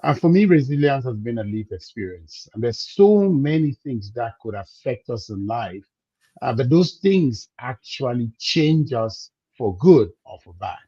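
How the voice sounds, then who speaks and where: A man, a business coach speaking as a guest, measured and reflective, slowing down to stress his points. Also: mid-range voice, animated, dark tone, breathy edge, dry recording, lo-fi sound. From Cameroon. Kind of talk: conversational interview.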